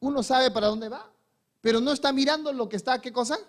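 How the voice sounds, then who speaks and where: Preaching a sermon in a very high voice, a male pastor poses questions to the congregation and then answers them himself. He alternates between quiet, slow stretches and loud, forceful ones.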